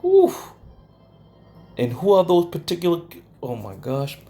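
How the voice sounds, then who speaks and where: The speaker is a Bible teacher at a home study, and his voice runs on the high side with huge pitch swings, a measured pace and a dark tone. He scolds and argues with listeners, uses some crude language, and keeps saying "okay?" Faint music plays behind him.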